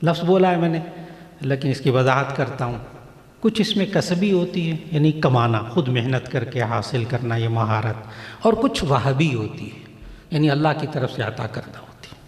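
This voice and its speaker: A man's voice: medium pitch, lively intonation, normal speed. A male cleric explaining a point to an audience at a recitation contest, repeating key phrases and acting out examples to show what he means. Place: large mosque hall. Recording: echoey hall with long reverb.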